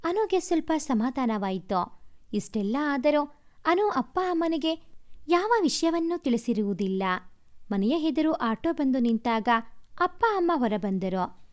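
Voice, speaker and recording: A woman's voice: high-pitched, sing-song, a little slow. A woman narrating a family love story, speaking directly to her listeners. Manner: warm, addresses listeners directly.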